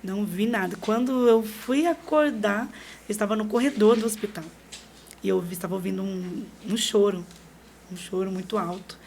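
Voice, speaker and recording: A middle-aged Brazilian woman, a podcast guest, telling a personal story in a lively way, acting out what people said and laughing often. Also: mid-range voice, normal speed, a little hiss or hum. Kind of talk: personal storytelling in a casual interview.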